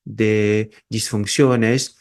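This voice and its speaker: Slow, halting man. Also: fairly low pitch, steady tone, gravelly, a little mellow. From France and Peru, raised in Morocco. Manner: halting, with many restarts and repeated words. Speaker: osteopath and researcher, guest. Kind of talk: casual interview.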